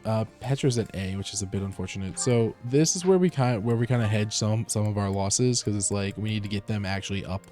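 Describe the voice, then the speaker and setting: A man's voice: fairly low pitch, fairly quick, hardly any pauses, a little mellow, soft background music. A man streaming from home through a headset mic, chatting casually as he plays, rambling with lots of fillers and restarts. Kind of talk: casual live gameplay commentary.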